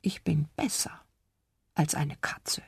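A woman reading a children's radio story, voicing a small, cheeky pet dinosaur in hushed whispers. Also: low voice, takes it slowly, gravelly, husky, no echo, clean studio sound, exaggerated voice. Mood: sly whisper.

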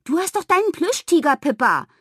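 A woman voicing a stubborn, bossy little girl, raising her voice into a high childlike tone. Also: very animated, a little fast, a bit bright, dry recording, studio quality, full character voice. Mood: upset. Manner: high childlike voice, pleading then shrill.

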